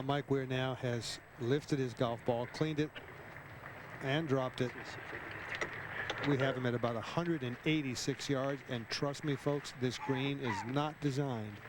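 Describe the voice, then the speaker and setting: A man's voice: medium pitch, steady tone, unhurried. A man working as a golf commentator, calling shots live on a television broadcast. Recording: noisy outdoor broadcast on VHS tape.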